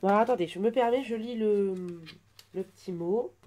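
A woman in her twenties chatting through an unboxing at home, gushing with soft exclamations. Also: medium pitch, normal speed. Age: 20s. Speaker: vlogger unboxing a birthday gift. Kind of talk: casual unboxing chat.

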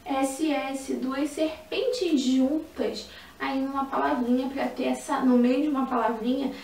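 Woman teacher, high voice, sing-song for young kids, recorded at a distance in a roomy space. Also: little pitch movement, gravelly, a little mellow. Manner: sing-song, slow and emphatic on key words, with diminutives. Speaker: primary school teacher. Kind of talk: recorded online lesson for young children. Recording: echoey room, mic at a distance, faint ambient noise.

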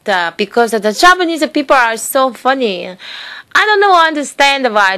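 A woman's voice: high voice, sharp tone, pitched above the performer's own voice, heavily acted. A woman putting on a giggly, sing-song accented chatterbox. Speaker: comedian. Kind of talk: accent-mimicry comedy bit.

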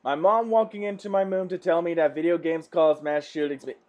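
A man reacting to memes in a casual vlog. He laughs often, swears freely and jumps from mumbling to yelling. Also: on the high side, steady tone, brisk, highs cut off. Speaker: meme reviewer. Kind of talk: casual meme commentary vlog.

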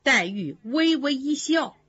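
An older woman performing traditional pingshu storytelling, animated, with chatty asides to the listener. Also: high voice, slow, no echo. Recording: dull dry lo-fi recording.

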